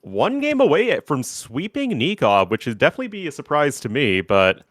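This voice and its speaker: A man co-casting a strategy game tournament in a relaxed, chatty way, laughing often. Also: fairly high pitch, moderate pace. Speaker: tournament co-caster. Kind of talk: casual game commentary.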